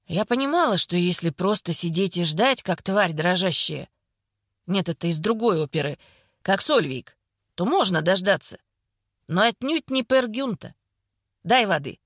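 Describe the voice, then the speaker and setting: A woman voicing a sharp-tongued older woman in a hospital bed, hoarse and sarcastic, teasing without mercy. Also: on the low side, expressive, normal speed, no echo, studio quality, voice pushed down. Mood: hoarse, rueful.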